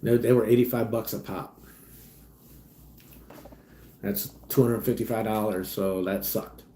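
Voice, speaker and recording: A streamer and delivery driver with a lowish, steady voice chats unhurriedly while reading livestream comments. Recorded in an echoing room with slight background noise, he rambles casually and often fades out quietly.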